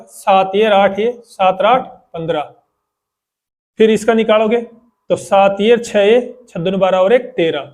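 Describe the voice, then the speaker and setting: Man, fairly high voice, math teacher at a classroom board, patient, repeats steps, quizzes students. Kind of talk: blackboard math lesson.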